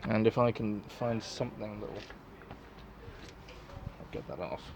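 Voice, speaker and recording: A man's voice: on the low side, a little slow, noisy background. A man giving a casual, unscripted product review in a rambling, offhand, sweary way. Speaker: collector and reseller reviewing gas masks.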